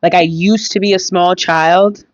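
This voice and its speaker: Young woman rambling casually on her solo podcast, lowish voice, dry kinda muffled sound. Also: steady tone, a little slow, no room sound. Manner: chatty and rambling, with many fillers and trailing thoughts. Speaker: podcast host.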